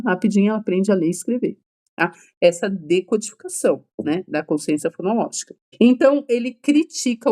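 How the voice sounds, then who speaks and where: A woman's voice: medium pitch, a little mellow. A woman with a Brazilian accent leads an exam-prep class with a mid-range voice. She explains at an easy, conversational pace and keeps checking in with short questions to her students. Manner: checks in constantly with "tá?" and "né?". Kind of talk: online exam-prep lecture.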